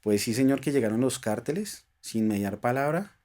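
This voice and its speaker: A man speaking Spanish with a Colombian accent, guesting on a podcast and recounting his own experience in an earnest, emotional way. His voice is mid-pitched and ordinary. He often sinks to a quieter tone when the story grows tense. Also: animated, moderate pace. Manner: earnest, emotional, speaks of faith, drops to soft tones at tense moments. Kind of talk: personal storytelling in a podcast interview.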